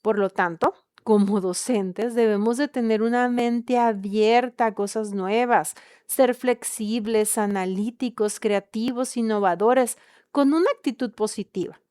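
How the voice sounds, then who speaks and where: A woman hosting a podcast, reading a measured and persuasive script. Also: a little high, a little mellow, clean tone, no room sound, studio quality. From Mexico. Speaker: podcast host. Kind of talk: scripted narration.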